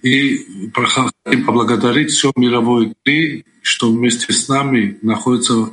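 A man calling in with a question, speaking formally and politely with hesitant pauses, his voice echoing over a remote call line. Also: medium pitch, steady tone, fairly bright tone. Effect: echoing remote call audio. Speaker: caller asking a question. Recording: echoey remote call line heard from a distance.

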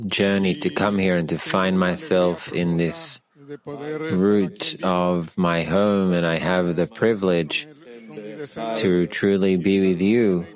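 Slow, deep-voiced male interpreter. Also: a crowd in the background, low-quality recording. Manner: halting, with restarts and fillers. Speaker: simultaneous interpreter. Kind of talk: live interpretation into English.

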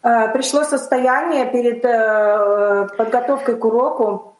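A woman caller asking her teacher an earnest, halting question during an online lesson, her voice muffled and hollow as if she were speaking into a barrel. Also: on the high side, steady tone. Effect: muffled hollow sound, as if speaking into a barrel. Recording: echoey, hollow remote audio.

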